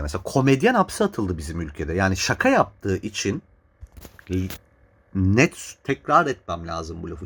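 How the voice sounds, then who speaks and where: A husky-voiced man on a podcast, venting in a heated, profane rant. His pitch leaps up and down as he talks, and he keeps breaking into incredulous laughter. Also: a bit bright. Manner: profane, exasperated, laughing in disbelief. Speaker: podcast host.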